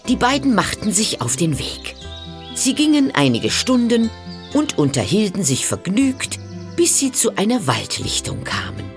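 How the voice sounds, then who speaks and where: A woman narrating a fairy tale in a calm, expressive storytelling voice. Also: medium pitch, measured pace, gravelly, soft background music.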